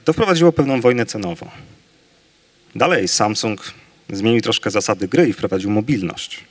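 A man's voice: fairly low pitch, lively intonation. A man on a large conference stage with a handheld mic, confidently laying out his side of a staged debate. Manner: confident, listing facts briskly. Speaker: conference debater on virtual reality.

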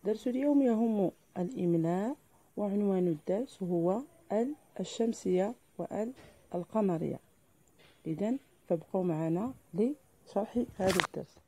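Moroccan woman teaching, slow and deliberate. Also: mid-range voice, warm tone, husky. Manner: slow, deliberate spelling-out of examples. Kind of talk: classroom lesson explanation.

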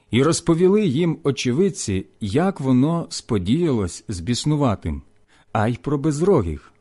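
Man reading scripture in a mellow voice. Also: medium pitch. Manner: measured, expressive reading. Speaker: Bible reader.

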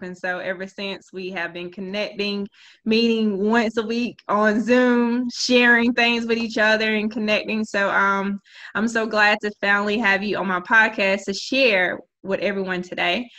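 A woman in her thirties hosting a podcast over a video call from a small home room, chatty and quick to laugh. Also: mid-range voice. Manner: warm, chatty, laughs often. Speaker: podcast host. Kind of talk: casual interview on a video call.

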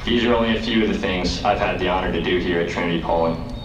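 Speaking at a quick pace in a low voice, a young adult student from the United States gives an earnest commencement address from a lawn podium, climbing into emphatic declaiming. The sound comes from the podium mic via a distant camera, roomy and dull like an outdoor PA, with slight background noise.

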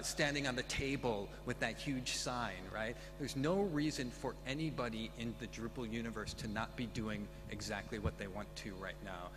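A man speaking emphatically but conversationally on a conference panel in a large, very echoey room. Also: mid-range voice. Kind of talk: conference question-and-answer discussion. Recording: very echoey hall.

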